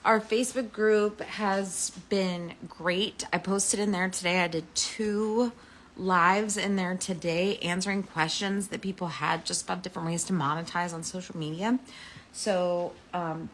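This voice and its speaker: A woman's voice: fairly low pitch, a bit bright, slight background noise. A woman from Florida hosting a casual live-stream chat, rambling and chatty with plenty of fillers. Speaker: host.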